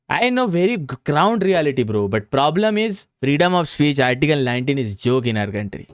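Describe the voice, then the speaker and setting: A young man from Vidarbha runs through the day's market news in a fairly high, smooth and resonant voice. He reads headlines, then flares up into heated, ranting asides that mix Hindi and English. The sound is close and dry, with no room around it. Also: no room sound. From Vidarbha, India. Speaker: stock market channel host. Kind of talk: market news commentary, reading headlines aloud.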